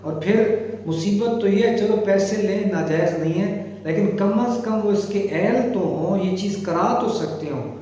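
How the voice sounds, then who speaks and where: High-voiced man preaching in echoey hall. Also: mellow. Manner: exhortative, uses rhetorical questions. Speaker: religious preacher. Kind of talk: devotional sermon to video viewers. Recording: echoey room with long reverb.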